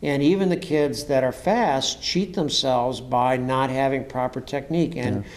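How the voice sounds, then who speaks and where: This man, a coach who also conducts interviews, speaks in a mid-range voice that is chatty and enthusiastic. He frequently stops and repeats words to stress his points.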